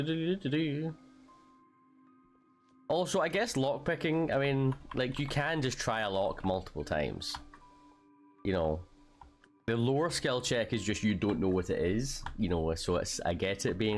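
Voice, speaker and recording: A man in the middle of a relaxed gaming stream, talking to himself and his viewers in a loose, playful way. He swears freely, reads game text aloud and makes silly noises along the way. Faint game music plays behind him. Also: lowish voice, moderate pace. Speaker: streamer playing a video game. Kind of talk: casual gameplay commentary.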